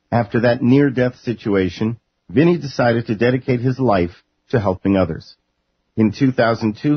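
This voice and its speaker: A man from New York hosting a broadcast interview, reading a measured introduction and asking questions. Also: mid-range voice, breathy edge, dry recording, highs cut off. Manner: measured announcer delivery. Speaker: radio host.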